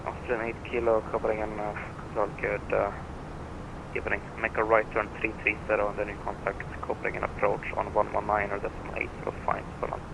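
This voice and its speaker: Man, air traffic controller, flat delivery, procedural radio phrasing, noisy channel. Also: lowish voice, quick pace, vocal fry. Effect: radio transmission. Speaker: air traffic controller on a flight simulator network.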